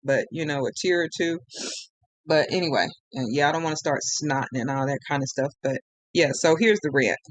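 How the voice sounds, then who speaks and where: A woman's voice: low voice, fairly quick, no echo. A woman ranting on a live stream, frustrated and close to tears, rambling with many restarts. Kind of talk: emotional live-stream rant.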